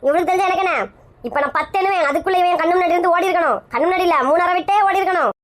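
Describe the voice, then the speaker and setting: A woman with a Kanyakumari Tamil accent playing a hot-tempered, balding middle-aged aunt who scolds and shouts insults in a slang comedy sketch. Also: very high-pitched, rapid-fire. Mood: raging.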